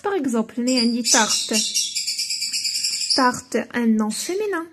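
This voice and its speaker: A woman with a Moroccan accent teaching grammar to young pupils, explaining exercises slowly and deliberately and switching between French and Arabic. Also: a little high, expressive, music in the background. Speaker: primary school teacher.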